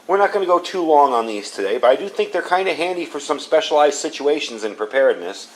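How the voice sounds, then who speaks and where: A fairly high-pitched man talks fast and animatedly, though the recording is rough. As host and reviewer on his channel, he gives a casual hands-on look at a product in a folksy, plain manner, repeating things for emphasis.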